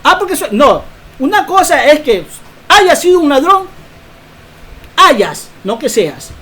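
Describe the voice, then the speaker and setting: A woman preacher giving a Bible teaching sermon, emphatic and quick to ask rhetorical questions. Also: sits high, big pitch swings, a bit bright.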